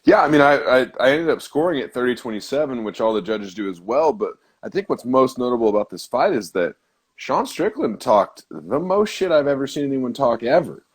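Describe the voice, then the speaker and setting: A young man co-hosting a sports podcast, talking in a laid-back, drawn-out way, full of "like". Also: medium pitch, sing-song, breathy edge. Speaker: podcast co-host. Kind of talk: casual sports chat.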